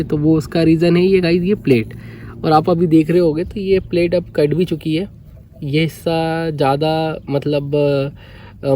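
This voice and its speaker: A man's voice: a little high, noisy background. A man explaining a motorbike brake repair in a casual, conversational way, often checking in with his viewers. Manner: conversational, repeats "guys" and "okay" often. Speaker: motorbike vlogger.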